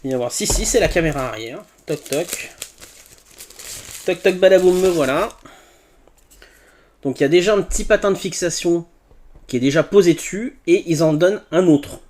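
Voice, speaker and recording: A man's voice: fairly high pitch, expressive, fairly quick, a little mellow, a little hiss or hum. A man casually talking through an unboxing, thinking aloud with fillers and playful sound words. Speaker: tech reviewer.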